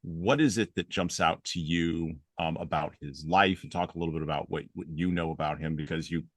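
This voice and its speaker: A man's voice: sits low, steady tone, fairly quick, no room sound, studio quality. A man hosting a podcast interview, talking casually with many ums and restarts. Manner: rambling, with many fillers and restarts. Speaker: podcast host.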